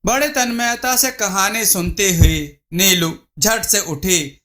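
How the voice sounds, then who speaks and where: As a storyteller, a man reads a scripted Hindi moral folk tale. His voice sits high and sounds bright and forceful at a slow pace.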